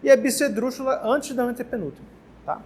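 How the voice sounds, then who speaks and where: A man's voice: very high voice, brisk, darkish tone, husky. A man with a Brazilian Portuguese accent teaching a grammar lesson for exam prep in a casual way, often restarting words and checking in with the class. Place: classroom with whiteboard.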